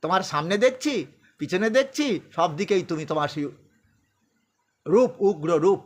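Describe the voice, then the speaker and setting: Man doing an awestruck young warrior, pleading, high voice, sermon retelling. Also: expressive, normal speed.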